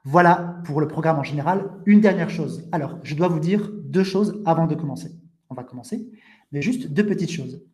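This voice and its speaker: A man hosting a live online language webinar, explaining things slowly with frequent restatements and talking to viewers in the chat. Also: fairly high pitch, a little mellow. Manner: interactive, addresses viewers in the chat. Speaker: French teacher hosting a webinar.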